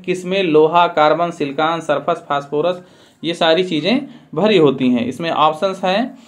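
A man teaching a trade quiz, reading out each question and its options, then giving the answer with a careful explanation. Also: high voice. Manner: methodical, repeats each answer with a Hindi explanation. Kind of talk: quiz-style lesson, reading questions aloud.

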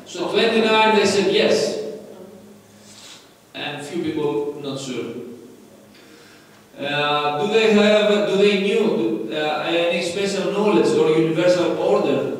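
A conference speaker with a Greek accent and a high voice talks slowly through an interactive lecture, quizzing the audience in non-native phrasing. His lectern mic is heard from afar in a large, echoey conference hall.

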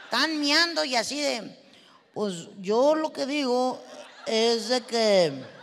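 A performer in a stand-up comedy act, playing a brash, foul-mouthed Mexican woman with a Mexican Spanish accent who is loud and sassy, swears a lot and keeps asking the audience questions. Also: medium pitch, very animated, slow, exaggerated voice. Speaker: stand-up comic. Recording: live hall reverb with faint noise.

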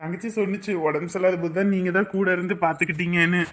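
A woman in a family drama, talking gently and reassuringly. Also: lowish voice, fairly even intonation, rapid-fire, natural voice. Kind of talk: dubbed family serial drama.

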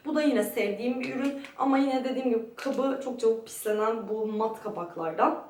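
Echoey, higher-pitched young woman vlogger. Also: a little fast, a little hiss or hum. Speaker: beauty vlogger. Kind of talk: casual product review to camera. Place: very echoey room in a friend's home. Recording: echoey room, distant microphone.

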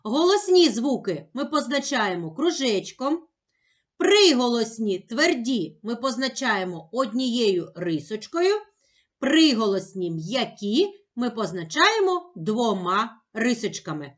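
A woman teaching young children, speaking slowly with exaggerated, sing-song emphasis on each sound and syllable. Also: a little high, very animated. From Ukraine. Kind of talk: slow, clearly enunciated lesson for young children.

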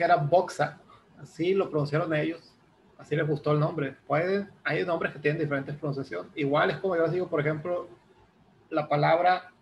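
A man's voice: a little high, slight background noise, rough recording. A man teaching an English class, explaining patiently step by step and checking in with short tag questions.

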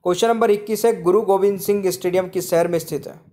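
A man with a high, dark voice moves fast through a general-knowledge quiz narrated over screen slides, his intonation fairly even. Each question gets read twice to viewers he treats as friends, followed by the correct answer.

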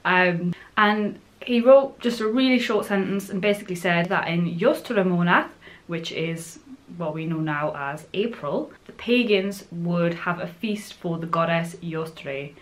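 Woman, 20s, Northern English accent, slightly low voice, informal vlog chat to camera. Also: a little slow. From Northumbria, northern England. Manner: informal, chatty. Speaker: vlogger. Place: furnished living room indoors.

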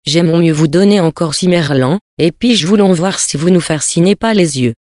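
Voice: medium pitch, normal speed, darkish tone, no echo, natural voice. A reader voicing a coarse, bold fishwife who haggles and teases in slangy, brash speech, recorded dry. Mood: teasing.

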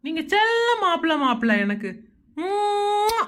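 A tipsy old father-in-law from a Tamil cartoon, voiced by a woman, his voice pitched very high and thin. He swings between slurred fondness and a stern family lecture. It is homemade animation voicing. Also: sing-song, slow, a bit bright, full character voice. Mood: drunk doting. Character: tipsy doting old father-in-law, later a scolding patriarch.

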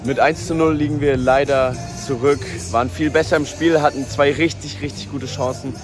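A man giving informal, partisan pitchside match updates in short clipped phrases, recorded outdoors at a football ground. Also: fairly even intonation, normal speed, music in the background. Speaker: vlogger commentating on a youth football match.

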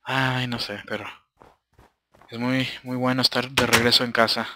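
A man hosting a gameplay video in casual commentary, reacting excitably with frequent yelps. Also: mid-range voice, moderate pace. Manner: excitable, yelps and exclaims often.

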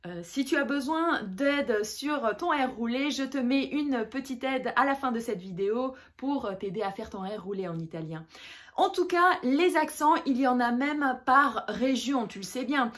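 A woman from France who teaches Italian, giving a lively, emphatic online lesson and speaking straight to the viewer. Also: sits high, moderate pace.

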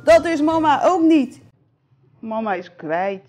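A woman voicing a small lost baby owl that squeaks its lines plaintively. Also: very animated, slow pace, darkish tone, faint music behind, heavily acted.

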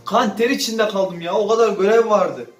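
A man doing casual gaming commentary as he opens loot boxes, swinging between low muttering and sudden loud outbursts. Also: normal speed, far from the mic, muffled recording. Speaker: gaming channel host. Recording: roomy sound from off-mic with faint music.

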